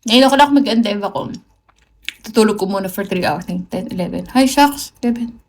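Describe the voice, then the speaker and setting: A Filipino woman from the Philippines hosts a livestream, chatting casually and playfully while mixing English into her talk. Her voice is medium in pitch and moves at a normal speed.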